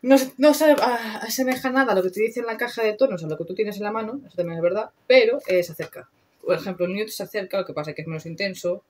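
A woman's voice: medium pitch, quick pace, slight background noise. A young woman with a Spain Spanish accent, chatting casually and slangily through a makeup review, swearing freely. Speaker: beauty vlogger.

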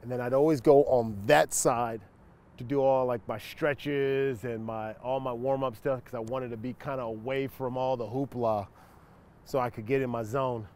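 A man's voice: mid-range voice, normal speed. A man in his forties, a former football player, casually recounting memories while walking through an empty locker room and stadium. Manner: relaxed, reflective, animated when greeting a friend. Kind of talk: casual storytelling walk-and-talk.

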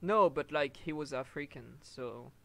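Young man, fairly high voice, gamer on voice chat, teasing, laughs a lot. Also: a little slow, creaky, pushed and bright. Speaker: gameplay streamer. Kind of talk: casual voice chat while gaming. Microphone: headset or desk mic on voice chat.

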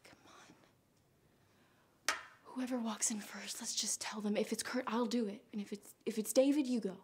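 An actress playing a bitter, reckless woman who presses her former lover in low, urgent whispers. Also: steady tone, unhurried, slight background noise, natural voice. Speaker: actor in a filmed scene. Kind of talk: film scene take.

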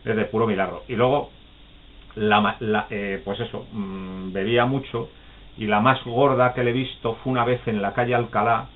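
A man's voice: lowish voice, steady tone, normal speed. A man telling funny anecdotes in a casual live chat, often laughing and acting out the people in his stories. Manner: chatty, laughs often, acts out quoted voices. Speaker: guest storyteller. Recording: phone-like call audio.

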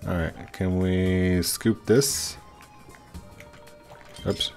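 Middle aged guy streaming a game, gravelly fry, casual, faint music behind him. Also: low-pitched, steady tone, extremely slow. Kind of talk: casual let's-play commentary, reading game text aloud.

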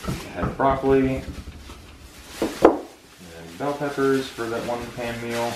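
This American vlogger in his twenties talks through a grocery haul in a relaxed, matter-of-fact way, his delivery flat and slow. A camera a few feet off records him in his home's open kitchen and dining area. You can hear echo, distinct background noise, and rustling and clicking.

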